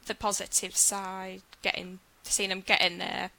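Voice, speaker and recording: A woman's voice: medium pitch, little pitch movement, unhurried, vocal fry, sharp tone, poor audio. A woman with a Yorkshire accent, a podcast guest who explains her job in a friendly, matter-of-fact way. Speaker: guest, business development manager at a lender. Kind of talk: podcast interview answers.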